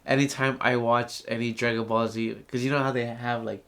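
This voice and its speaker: A young man co-hosting a casual commentary chat, relaxed and given to dry, sarcastic remarks. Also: medium pitch, a little fast. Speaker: co-host.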